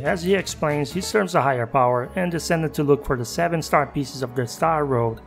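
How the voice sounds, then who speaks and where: A man's voice: medium pitch, vocal fry. A man narrating a scripted game review with wry, self-mocking asides.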